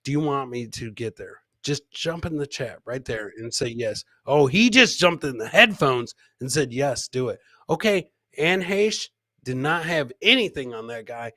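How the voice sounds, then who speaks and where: Speaking at a normal speed, a middle-aged comedian and podcast host hosts a casual livestream, joking with chat, repeating himself, and cursing offhandedly. His mid-range voice is animated, pushed, and bright, recorded with no echo on a close boom-arm mic with headset.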